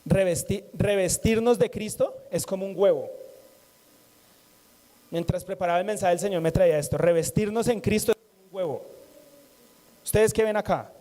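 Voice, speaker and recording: A man's voice: sits high, moderate pace, long pauses, dark tone. A man preaching a sermon in a conversational way, repeating phrases and joking with the congregation.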